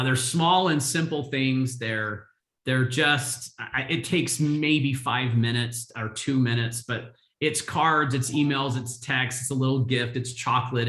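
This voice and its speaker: On a video call, a man coaches real estate agents in a live session, telling stories with lots of energy and laughing often. His voice is medium-pitched and a bit bright, and the room sounds echoey.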